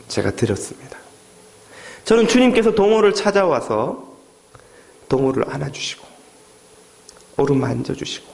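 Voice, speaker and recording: A middle-aged pastor with a gravelly, medium-pitched voice preaches a sermon. He tells a story dramatically, acting out the voices of the people in it.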